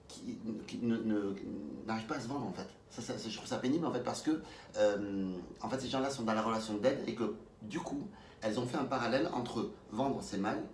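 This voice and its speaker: Male interview guest, lisped s, quick and stumbling delivery, distant mic with faint noise. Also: lowish voice, roomy sound. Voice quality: lisp, slurred s. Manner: hesitant, stumbling, restarts words often. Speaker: interview guest, sales coach. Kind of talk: conversational interview.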